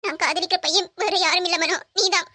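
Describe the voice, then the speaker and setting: Fast-talking, tearful young cartoon bride, pleading, lovesick, voiced by a woman. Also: extremely high pitch, fairly even intonation, bright, forceful tone, slight background noise. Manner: pleading, emotional. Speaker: voice actor in a cartoon drama. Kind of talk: cartoon drama dialogue.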